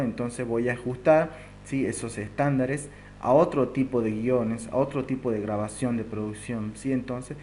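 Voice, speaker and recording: A man teaching a recorded video lesson, explaining step by step and often checking in with a quick "¿sí?". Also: medium pitch, a little mellow, a little hiss or hum. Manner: explanatory, keeps adding a checking "¿sí?". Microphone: close to the recording device.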